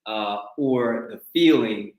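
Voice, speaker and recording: A man's voice: medium pitch, slow. A middle-aged man, hosting a casual talk show and telling stories with acted-out quotes and frequent laughs. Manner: animated storyteller, acts out quotes, laughs often. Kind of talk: casual chat. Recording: roomy echo.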